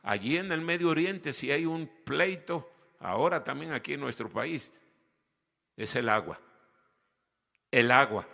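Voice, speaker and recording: A man's voice: on the high side, lively intonation, unhurried, gravelly, sharp tone, big-room sound. A man preaching a sermon as pastor, with rhetorical questions and emphatic repetition. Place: church hall.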